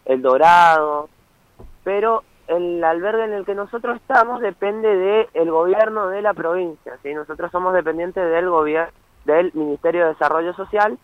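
The caller is a young man from Misiones, Argentina, a student activist interviewed by phone who earnestly makes his case and regularly asks "¿sí?". He has a high voice at a moderate pace, no echo, and the line sounds muffled through the phone.

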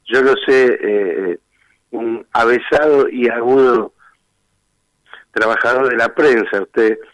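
A man's voice: medium pitch, takes it slowly, a bit bright, no room sound, lo-fi sound. A man with an Argentine Spanish accent, a defense lawyer arguing his case insistently in a radio interview, firing off rhetorical questions.

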